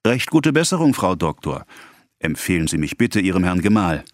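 Jovial old village priest, as a male reader puts him on, slow emphatic delivery, audiobook reading, somewhat deep, dry close sound. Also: sing-song, dry recording.

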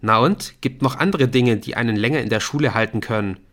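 A man's voice: mid-range voice, a little fast, fairly bright tone, lightly acted. A man as a brash, cocky teenage boy. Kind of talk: audiobook character voice.

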